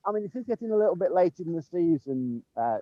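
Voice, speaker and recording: Easygoing gardener, dull lo-fi sound. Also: male voice, a little high, big pitch swings, fast talker, dry recording. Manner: easygoing, chuckles often, many ums. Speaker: head gardener. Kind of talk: casual garden tour chat. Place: outdoors in a sunny garden. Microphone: handheld phone camera while walking.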